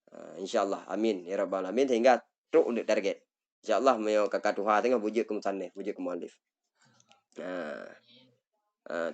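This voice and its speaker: In a study lesson, a middle-aged religious teacher with an Acehnese accent slowly reads Arabic phrases and then explains them. His voice sits at a medium pitch.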